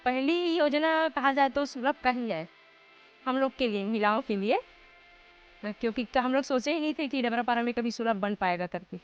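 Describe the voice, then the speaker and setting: A woman from a district in central India, speaking plainly as a resident interviewee in a vox-pop testimonial, with halting restarts. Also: on the high side, animated, clean tone, muffled recording. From Durg district, Chhattisgarh, India. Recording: music bed under the voice.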